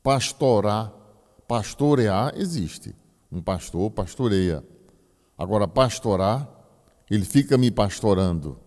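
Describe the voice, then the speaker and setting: A man's voice: fairly low pitch, animated, slow pace, darkish tone. A priest giving a teaching talk to a group, explaining with folksy asides to his listeners. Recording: long hall reverb.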